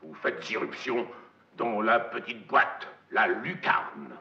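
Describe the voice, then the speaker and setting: An actor playing a domineering, messianic corporate magnate in a film monologue, with hammy, theatrical stage declamation and a gravelly voice. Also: male voice, mid-range voice, slow pace, sharp tone, full character voice. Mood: hushed, evangelical. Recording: dull, echoey film soundtrack.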